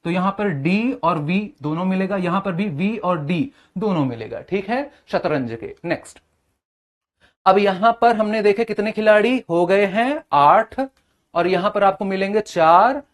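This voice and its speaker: A young male teacher giving an exam-prep lecture, building memory tricks and checking in with short questions. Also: high voice. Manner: mnemonic-heavy, keeps asking "है ना?" and "ठीक है?".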